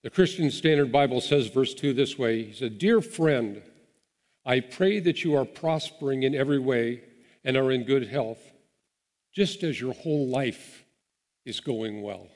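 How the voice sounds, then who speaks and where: A man's voice: mid-range voice, unhurried, a little mellow. Earnest man preaching in a reverberant church. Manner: earnest, encouraging, with small restarts. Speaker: pastor. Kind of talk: sermon. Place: church sanctuary. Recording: long hall reverb.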